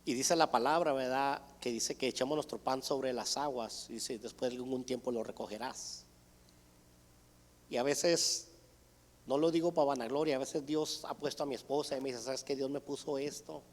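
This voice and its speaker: In a church hall with audible reverb, a man of medium pitch speaks at a normal speed, giving an earnest testimony as part of a sermon. He retells conversations he had with his mother and other people.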